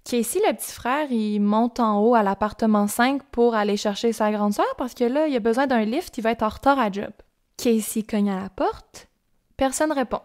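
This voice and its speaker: A woman's voice: fairly high pitch, normal speed, darkish tone. A young woman with a Québécois accent casually telling a true-crime story on a podcast, chatty and informal with asides. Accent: Québécois French.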